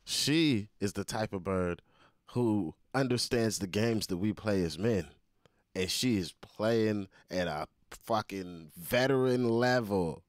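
Young male reaction host, very low dry voice, blunt slangy asides. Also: slow, dry recording. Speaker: reaction streamer. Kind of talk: casual reaction commentary. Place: small room with red lighting. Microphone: handheld mic held close.

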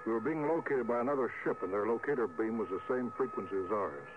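A man's voice: medium pitch, animated, fast talker, natural voice. A stern male starship captain, played by an actor in vintage radio drama. He is wary and clipped, giving orders with command. The sound is narrow and thin, with heavy hiss. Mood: grave. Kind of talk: 1950s radio drama acting. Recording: muffled, noisy vintage radio recording.

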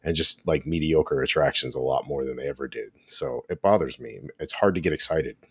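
A man with a low, deep voice co-hosting a casual podcast. He grumbles in a weary, frustrated tone. The sound is close and dry. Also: fairly quick, husky, dry recording. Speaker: podcast co-host.

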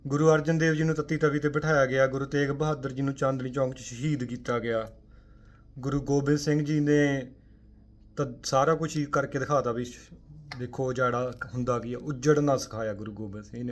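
Addressing viewers in a Sikh spiritual talk, this man speaks with force and leans on rhetorical questions. His delivery jumps from emphatic, loud passages to hushed asides, with English words sprinkled throughout.

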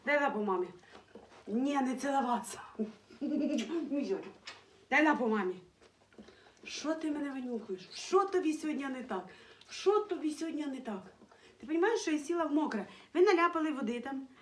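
A woman with a high voice talks to her dogs in a cooing, babying way, snapping out short commands in between. She is heard from some distance in a roomy, echoing space. Faint noise runs underneath. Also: fairly bright tone. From Ukraine. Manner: cooing baby talk to dogs, with firm commands. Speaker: dog breeder. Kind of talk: casual talk to her dogs.

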